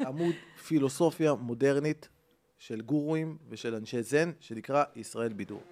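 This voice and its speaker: A man, a comedian, telling a comic story in casual chat and acting out the people in it. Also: mid-range voice. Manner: animated, acts out the people in his story. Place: rooftop.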